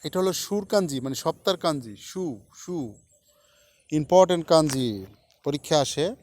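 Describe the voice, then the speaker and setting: A man teaching Japanese kanji in a lesson, repeating each word and its meaning slowly for learners. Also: fairly high pitch, expressive, a little mellow. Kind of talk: kanji lesson explained in Bengali.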